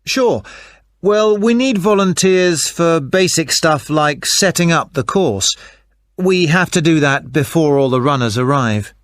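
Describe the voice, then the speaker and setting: Man playing a slow, helpful race organiser. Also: on the high side, expressive, no echo, studio quality. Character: helpful, unhurried male race organiser on the phone. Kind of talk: scripted listening-test dialogue.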